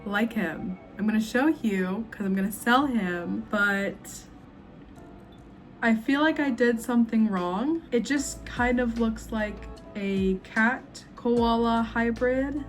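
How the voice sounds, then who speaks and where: A woman's voice: on the high side, slow, faint music behind. A young woman chatting casually in a vlog, self-doubting and full of ums, her voice a little worn. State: slightly losing her voice. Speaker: crochet vlogger.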